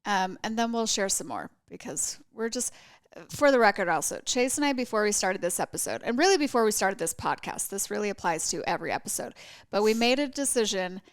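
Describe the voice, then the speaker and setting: A woman's voice: medium pitch, very animated, a little fast, clean tone, no room sound, studio quality. A woman co-hosting a podcast in casual chat, candid and playfully teasing. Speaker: podcast co-host.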